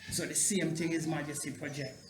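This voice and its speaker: A man's voice: fairly high pitch, flat delivery, fairly quick. Rasta priest, a man in an echoey room. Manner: Rastafarian speech with patois grammar. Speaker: Rastafarian priest being interviewed. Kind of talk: preaching-like interview talk on theology. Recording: echoey room, clear background noise.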